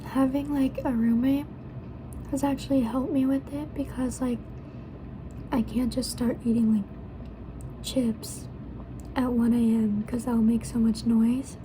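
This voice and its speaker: A young woman rambling softly in ASMR style while mukbang eating, talking between bites and slipping into whispers. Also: a little high, flat delivery, unhurried, pauses often. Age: young adult. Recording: clear background noise.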